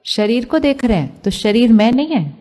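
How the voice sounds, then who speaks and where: A woman's voice: on the high side, very animated, moderate pace, warm tone. An Indian woman giving a spiritual talk to a live audience, asking them questions and mixing English phrases into her speech. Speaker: spiritual speaker.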